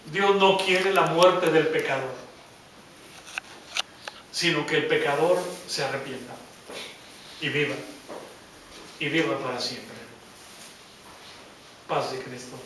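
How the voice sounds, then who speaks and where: A man's voice: a little high, fairly even intonation, slow pace, pauses often, fairly bright tone, distant mic, slight background noise. A male pastor preaching a sermon, retelling a story with emphasis and often repeating or restarting words. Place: church hall. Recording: echoey hall, preacher away from mic.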